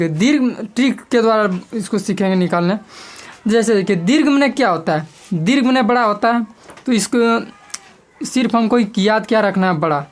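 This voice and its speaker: A woman teacher giving a grammar lesson step by step, repeating key terms and asking the class questions. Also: a little high.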